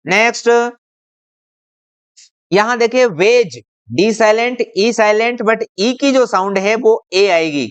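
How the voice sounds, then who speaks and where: A teacher explaining a lesson in a patient, repetitive way. The teacher poses questions to the viewer, answers them, and draws out example words slowly. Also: medium pitch, animated, clear, resonant tone, dull audio. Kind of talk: classroom-style explainer video.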